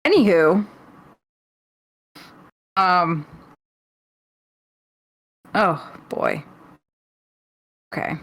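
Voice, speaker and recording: A woman's voice: lowish voice, wildly swooping pitch, drawn-out words, gravelly, long pauses, fairly bright tone, slightly rough. A woman co-hosting a podcast, giving a casual recap filled with ums and wry asides. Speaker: podcast co-host. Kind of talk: casual wrestling event recap.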